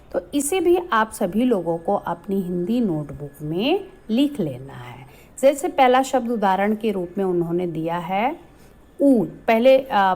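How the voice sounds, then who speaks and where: A woman's voice: fairly low pitch, a little mellow, a little hiss or hum. A woman teaching Hindi to young children in a recorded lesson, patiently drawing out each syllable and mixing in the English word "so". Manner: slow, patient, drawn-out sounding of each syllable. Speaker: primary school Hindi teacher.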